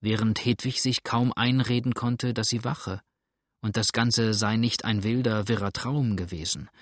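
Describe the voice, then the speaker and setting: Male audiobook reader, solemn and measured, husky, dry close sound. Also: fairly low pitch, steady tone, no echo. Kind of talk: scripted narration of a period novel.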